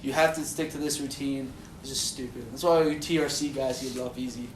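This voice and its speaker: A man's voice: medium pitch, steady tone, fairly quick, far from the mic, a loud crowd. A young man hosting a podcast among friends, rambling with lots of fillers and laughing often. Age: young adult. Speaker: podcast host. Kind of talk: casual chat among friends. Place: room in a house. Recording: echoey room, voice from off mic.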